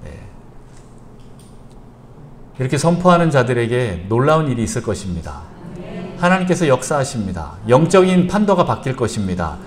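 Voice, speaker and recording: A man's voice: medium pitch, very animated, normal speed, pauses often, slight background noise. A male pastor preaching an evening church sermon, repeating short instructions and having the congregation recite after him.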